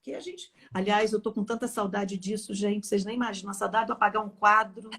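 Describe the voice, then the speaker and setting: A woman's voice: mid-range voice, flat delivery, fast talker, creaky, fairly bright tone. A woman, a former school teacher talking on a casual live chat, emphatic and full of stories.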